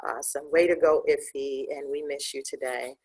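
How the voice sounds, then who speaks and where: A woman's voice: low voice, steady tone, normal speed, darkish tone, breathy edge. A woman hosting an online graduation ceremony, announcing graduates in an upbeat, casual way with many fillers. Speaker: ceremony host.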